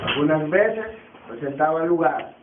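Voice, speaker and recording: High-voiced male teacher quizzing his class. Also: expressive, a little slow, background noise. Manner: repeats key terms, quizzes the class. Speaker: Bible institute teacher. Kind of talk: classroom lecture. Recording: tinny, echoey distant classroom recording.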